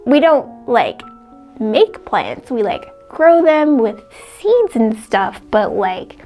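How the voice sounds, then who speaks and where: A woman's voice: a little high, sing-song, slow pace, a little mellow, faint music behind. A woman casually retelling a classic story for a book vlog, chatty and full of "like" and little laughs. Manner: chatty, heavy use of "like", laughs often. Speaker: book vlogger.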